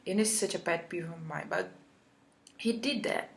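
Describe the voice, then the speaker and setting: A woman's voice: lowish voice, normal speed, vocal fry. A woman vlogger ranting in a frustrated, exasperated way, with many fillers. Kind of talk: casual rant vlog.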